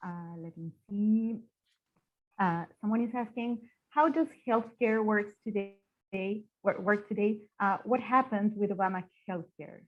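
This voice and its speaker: A woman's voice: medium pitch, a little slow. A woman whose first language is Spanish hosting a webinar Q&A in English, hesitant and repeating words. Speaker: webinar host. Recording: tinny phone-like line.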